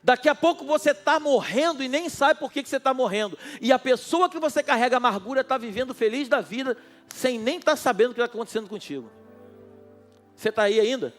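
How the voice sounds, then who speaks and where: High-voiced male pastor preaching. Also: lively intonation, a little fast, soft background music. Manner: impassioned, addresses listeners directly. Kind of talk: sermon. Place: church service at night.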